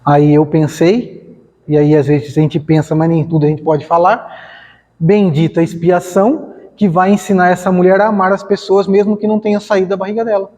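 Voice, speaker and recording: A man's voice: high-pitched, flat delivery, moderate pace, warm tone. A man giving a lecture at a spiritist center, talking conversationally, acting out dialogues and asking rhetorical questions. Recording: long hall reverb.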